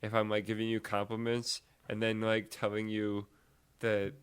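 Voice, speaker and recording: A man's voice: lowish voice, completely flat delivery, normal speed, clear, resonant tone. A young man co-hosting a podcast, chatting casually in a rambling way with lots of fillers and swearing. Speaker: podcast co-host. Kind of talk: casual chat.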